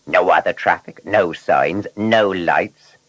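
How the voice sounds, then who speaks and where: A man narrating a children's story in an animated, scripted storytelling manner. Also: low-pitched, slow, no room sound, lo-fi sound.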